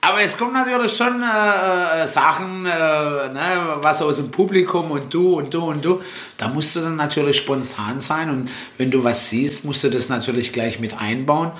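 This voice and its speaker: Speaking at normal speed in a slightly high, somewhat bright voice, this middle-aged man, Italian by first language, works as a jester and stage host in a festival tent. His interview answers wander, packed with fillers, self-corrections and the tag "ne?". Faint background noise sits under a roomy echo.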